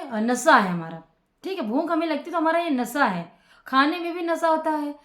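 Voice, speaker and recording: A woman teacher giving informal study advice to students, in a chatty way that repeats phrases and fills pauses with "ok". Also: high-pitched, a bit bright, reverberant. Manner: conversational, repeats phrases with frequent fillers and "ok".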